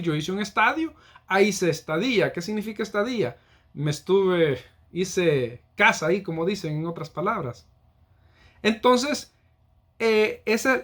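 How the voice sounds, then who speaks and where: A man from El Salvador, explaining things in a casual, teacherly way with examples and frequent hesitations. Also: sits high. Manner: teacherly, walks through examples, frequent "eh" fillers. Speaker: local history presenter.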